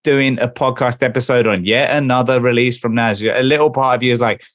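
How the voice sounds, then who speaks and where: A man's voice: medium pitch, steady tone, brisk, a bit bright, no echo. A man co-hosting a music podcast, rambling and reading lyrics aloud. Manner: rambling, restarts, reads out lyrics. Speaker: podcast co-host. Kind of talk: casual chat.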